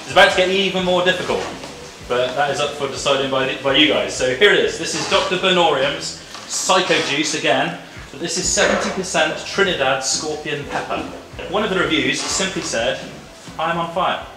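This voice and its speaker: A man's voice: a little high, fairly quick. A man hosting a food challenge quiz casually, with jokey teasing banter. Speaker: host of a hot wings quiz challenge. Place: office meeting room, indoors. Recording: echoey room, background music. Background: music.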